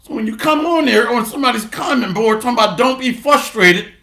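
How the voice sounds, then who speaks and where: Gravelly high-voiced blunt preacher. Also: male voice, fast talker, fairly bright tone, echoey room. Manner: blunt, coarse, mocking preacher with rhetorical call-outs. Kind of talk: sermon with scripture reading.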